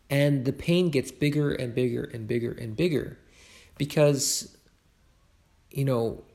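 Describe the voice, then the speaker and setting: Man, gravelly voice, informal faith talk, conversational, restarts mid-sentence. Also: medium pitch, mellow.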